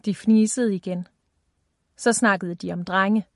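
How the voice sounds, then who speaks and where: A woman narrating a children's fantasy audiobook in a calm, even storytelling voice. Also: medium pitch, no echo, clean studio sound.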